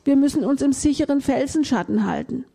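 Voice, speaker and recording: A woman's voice: high voice, animated, a little fast, gravelly, dark tone, voice pushed up. A woman reading a storybook aloud and voicing a school of timid little red fish who answer fearfully. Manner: fearful, hesitant.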